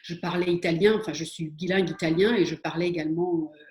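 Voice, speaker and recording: Speaking fast in a fairly low, steady, darkish voice, a middle-aged woman appears as an interview guest to discuss her career as a spa and wellness expert. She often hesitates, uses fillers and restarts her sentences, and the room sounds echoey.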